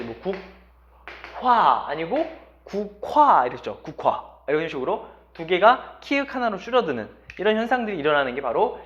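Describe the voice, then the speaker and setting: Lively, high-voiced male language teacher. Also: dull audio. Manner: lively, constantly quizzing students. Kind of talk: classroom lecture.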